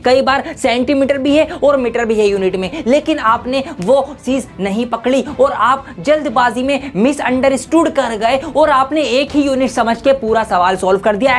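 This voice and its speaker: Woman teacher giving emphatic exam warnings. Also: a little high. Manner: emphatic, warning, addresses students directly. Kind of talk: exam tips lesson to students.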